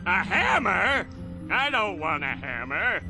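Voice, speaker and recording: A man's voice: sits high, sing-song, slow, full character voice. A man voicing a tiny, megalomaniac plankton villain in a cartoon game, grandiose, indignant and blustering. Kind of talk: animated game cutscene acting. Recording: game music behind the voice.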